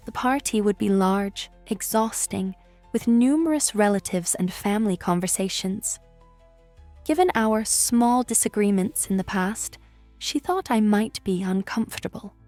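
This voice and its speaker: A woman narrates a personal story in a calm, measured way, her voice close and dry. Soft music plays faintly underneath. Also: mid-range voice, no echo. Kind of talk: first-person scripted narration.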